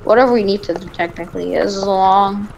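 A woman streamer chatting casually while playing, breaking into excited exclamations. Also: medium pitch, brisk, vocal fry, lo-fi sound, a little hiss or hum. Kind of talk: casual gaming chat.

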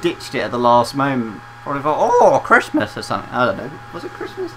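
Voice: mid-range voice, animated, fast, gravelly, background noise. A let's play commentator, chatting casually over gameplay, sarcastic and laughing mid-sentence.

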